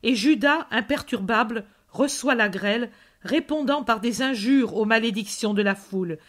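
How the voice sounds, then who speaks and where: A woman narrating a religious story in a measured, solemn reading. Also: fairly high pitch, a bit bright. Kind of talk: scripted narration.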